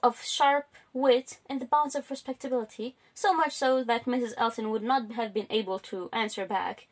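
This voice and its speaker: Thoughtful woman podcaster, higher voice. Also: fairly even intonation, normal speed. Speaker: podcast co-host. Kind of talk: casual chat.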